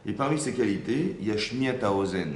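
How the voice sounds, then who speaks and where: Man rabbi, lowish voice, questioning class tone, roomy hall, faint ambience. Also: expressive, fairly quick, a little hiss or hum. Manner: questioning, often checks in with listeners; repeats words while searching for phrasing. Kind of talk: interactive religious lesson. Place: classroom with small audience.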